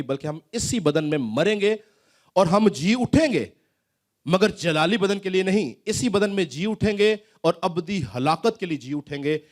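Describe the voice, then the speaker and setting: High-voiced preaching man, pastor. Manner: preaching with rising questions, then dropping low. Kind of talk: sermon. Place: church main hall.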